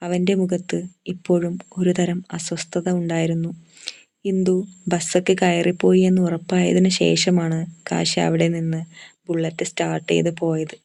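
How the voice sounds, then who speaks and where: Gravelly low-voiced woman storyteller. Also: completely flat delivery, moderate pace, a little mellow. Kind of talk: scripted story narration.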